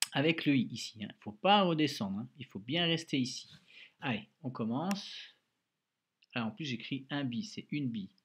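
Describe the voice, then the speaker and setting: A man's voice: mid-range voice, a bit bright, slightly rough. A male schoolteacher recording a handwriting lesson for a child, patiently talking through each pen stroke aloud with an encouraging manner. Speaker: primary school teacher.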